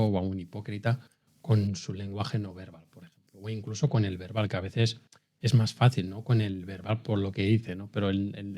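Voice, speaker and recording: A man hosting a podcast speaks in a low, fairly deep voice. He asks his guest questions casually and often closes them with a tag question. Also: warm tone. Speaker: podcast host. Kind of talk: interview questions.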